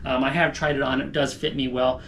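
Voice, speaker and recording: A man's voice: medium pitch, little pitch movement, brisk, fairly bright tone, a little hiss or hum. A man talking casually to camera as a running vlogger, explaining things informally and thinking aloud. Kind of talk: casual vlog talk to camera.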